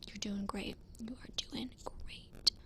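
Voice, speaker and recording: A woman doing a fast-whispered ASMR role-play as a flaky, self-assured psychic, rambling in a breezy, informal way. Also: mid-range voice, fairly even intonation, sharp tone. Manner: rambling, breezy, informal filler-heavy talk. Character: flaky, self-assured female psychic giving a cleansing session.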